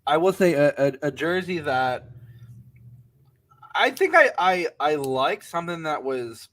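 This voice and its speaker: A man's voice: on the high side, very animated, measured pace, fairly bright tone. A man co-hosting a soccer podcast in casual chat, often stumbling and restarting his sentences and laughing. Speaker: podcast co-host.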